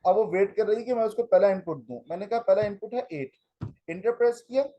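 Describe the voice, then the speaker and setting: High-voiced man teaching code. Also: fast talker, warm tone, lo-fi sound. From Pakistan. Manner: explains step by step, mixing in English phrases. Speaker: computer teacher. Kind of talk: classroom lecture with live coding.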